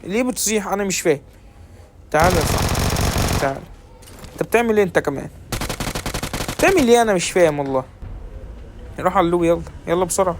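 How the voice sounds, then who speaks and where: Joking young Egyptian gamer. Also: male voice, high-pitched, lively intonation, background noise. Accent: Egyptian Arabic. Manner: quick, joking banter at enemies and teammates. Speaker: gaming creator. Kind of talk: live gaming commentary. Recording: game gunfire in background. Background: loud gunshots and clicks.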